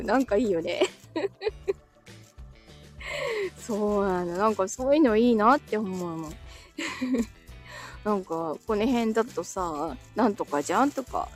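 A woman hosting a casual live stream from home, chatting with listeners, reading their comments aloud and laughing often between phrases. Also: mid-range voice. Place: indoors at home.

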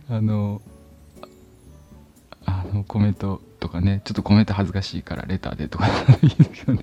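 A man's voice: on the low side, warm tone. A man hosting a casual solo chat show, rambling with many fillers and sometimes dropping to a whisper. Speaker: podcast host. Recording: dull lo-fi phone recording.

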